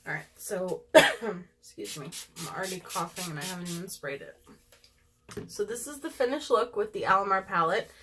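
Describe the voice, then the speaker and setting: A woman's voice: mid-range voice, animated, moderate pace, a bit bright. A woman talking casually and candidly to her viewers as she reviews makeup products, with frequent ums and asides. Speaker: beauty vlogger.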